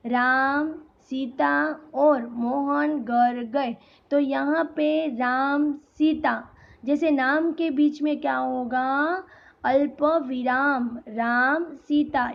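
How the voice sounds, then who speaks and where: A woman school teacher with a Gujarati accent, a native Gujarati speaker, teaching a grammar lesson slowly and deliberately, repeating each example sentence. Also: high-pitched, creaky, muffled recording.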